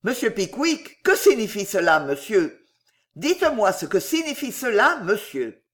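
A woman's voice: mid-range voice, very animated, measured pace. A woman voicing a jealous, indignant middle-aged man in an audiobook, blustering and menacing. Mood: angry, accusing. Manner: blustering, menacing, repeats "monsieur". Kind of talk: audiobook character reading.

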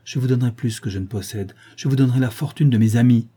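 A man's voice: mid-range voice, quick pace, mellow, husky, close to an everyday voice. A man reading the part of a proud English major, pleading in an impassioned, declamatory way. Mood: anguished.

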